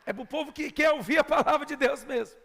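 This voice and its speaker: High, gravelly Brazilian pastor preaching. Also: male voice, fast talker. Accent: Brazilian Portuguese. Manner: emphatic preaching, swings from shouting to quiet asides. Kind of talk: sermon. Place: church sanctuary. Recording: long church reverb.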